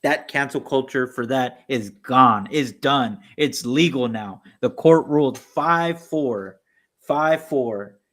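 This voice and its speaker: A man chatting on a casual podcast, his pitch swinging up and down as he talks. He speaks animatedly, filling his talk with "you know" and slipping into mocking voices. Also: slow pace. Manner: animated, mocking impressions of opponents. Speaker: podcast co-host. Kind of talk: casual political chat.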